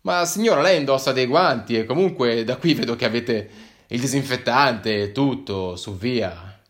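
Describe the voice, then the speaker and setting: A man's voice: moderate pace, lightly acted. A man voicing a surly, dismissive woman behind a café counter in a spoken story. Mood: scolding. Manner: sharp, scolding, high-pitched.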